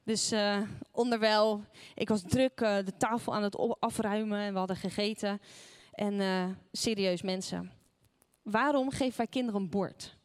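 A woman's voice: medium pitch, steady tone, moderate pace, smooth. A woman preaching a sermon, telling a personal story and asking the listeners questions along the way.

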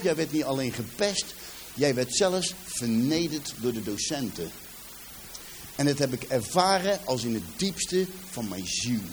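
Man, Rotterdam accent, fairly high voice, personal testimony before a live audience, lively storyteller acting out dialogue, faint background hum. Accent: Rotterdam Dutch. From Rotterdam, Netherlands. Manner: vivid storyteller who acts out dialogue and addresses the audience directly. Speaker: speaker giving a personal testimony. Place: in front of a seated audience.

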